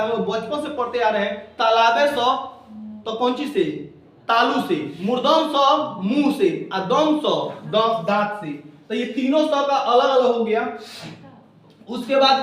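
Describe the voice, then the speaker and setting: High-pitched teacher in an echoey room. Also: male voice, a bit bright. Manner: repetitive drilling with call-and-response questions. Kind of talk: classroom grammar lesson. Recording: very echoey room, distant mic.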